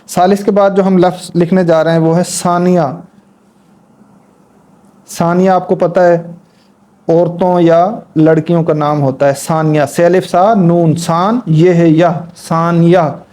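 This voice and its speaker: A man's voice: sits high, warm tone. A man teaching the script in an instructional lesson, patiently spelling out each letter and repeating words while he demonstrates the strokes. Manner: talks while demonstrating at a board. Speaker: Urdu writing teacher.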